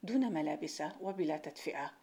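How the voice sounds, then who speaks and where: A woman's voice: deep voice, expressive, a little fast, dark tone. A woman reading the lines of a rich, bored, domineering middle-aged merchant in a folk tale. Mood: commanding. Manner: challenging, commanding.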